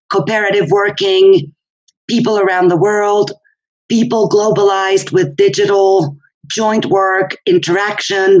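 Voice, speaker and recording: A webinar moderator reading teachers' chat answers aloud as a list of words. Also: medium pitch. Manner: lists chat answers word by word. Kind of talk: reading out audience comments. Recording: dull, lo-fi webinar audio.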